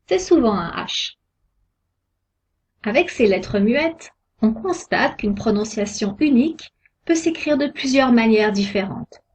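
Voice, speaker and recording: Woman, teacher, careful deliberate articulation, unhurried, dull muffled sound. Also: fairly high pitch, slight background noise. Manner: slow, careful, deliberate articulation of example words. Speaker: French pronunciation teacher. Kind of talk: slow scripted lesson narration. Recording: dull lo-fi recording.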